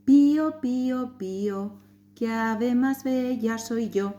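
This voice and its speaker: A woman voicing a magical bird, a murdered boy reborn, in a slow sing-song chant. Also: mid-range voice, expressive, lo-fi sound, slight background noise, lightly acted.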